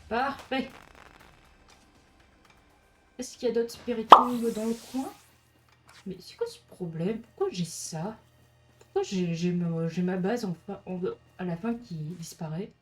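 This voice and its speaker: A woman's voice: medium pitch, lively intonation, measured pace, pauses often. A French woman giving casual let's play commentary, chatting to the creatures on screen as she plays.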